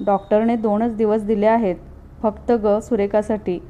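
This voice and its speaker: A worn-out young father from a storybook, tender and strained, speaks softly and with quiet fatigue, as a woman reads his lines. The tone stays gentle and subdued. The recording sounds slightly dull and lo-fi. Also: mid-range voice, flat delivery, normal speed, natural voice. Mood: weary. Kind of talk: storybook reading.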